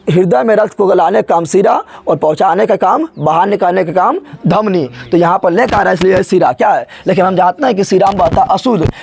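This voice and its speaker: A man's voice: high-pitched, vocal fry, background noise. A man teaching a biology lesson, asking the class question after question and answering them himself in colloquial, regional speech. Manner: drills students with repeated questions and answers.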